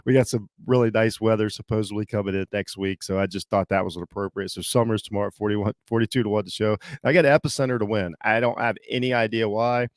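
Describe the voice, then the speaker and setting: Solo podcast host, slight Southern twang, low and gravelly, halting delivery full of ums. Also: male voice, no room sound, clean studio sound. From Southeastern Ohio. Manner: halting, many fillers and restarts. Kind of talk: casual solo sports talk.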